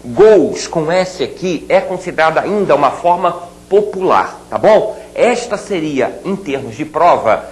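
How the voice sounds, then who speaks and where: A man teaching grammar to students, spelling out example words slowly and checking in with rhetorical questions. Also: a little high, rough recording. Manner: playful asides to students. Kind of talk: recorded grammar lesson at a board.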